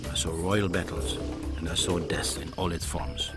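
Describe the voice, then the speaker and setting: A man's voice: low-pitched, normal speed, loud music behind the voice. A middle-aged man, a wildlife filmmaker, giving first-person narration in a nature documentary.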